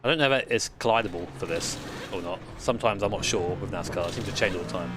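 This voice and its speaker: A man's voice: sits low, quick pace. A man chatting casually on a livestream headset mic while sim racing indoors, rambling and swearing now and then. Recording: loud car engine noise behind.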